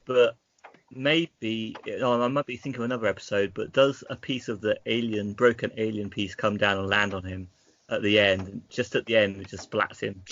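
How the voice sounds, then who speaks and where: A man co-hosting a casual podcast, recapping at length with restarts and often trailing off quietly. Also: fairly low pitch, steady tone, moderate pace. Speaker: podcast co-host. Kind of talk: casual chat. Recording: dull lo-fi with faint noise.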